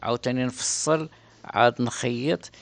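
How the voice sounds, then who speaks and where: A man's voice: mid-range voice, steady tone, normal speed, vocal fry. A middle-aged man with a Moroccan accent answers interview questions about his craft in a casual, plain-spoken way, often repeating himself. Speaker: orthopedic shoemaker being interviewed.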